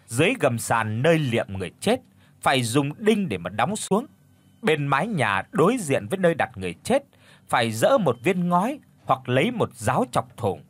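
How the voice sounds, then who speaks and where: A man's voice: mid-range voice, very animated, moderate pace, husky, dry recording. A man voicing a stern older male village shaman who gives commanding, instructive explanations of rituals, in a storybook reading.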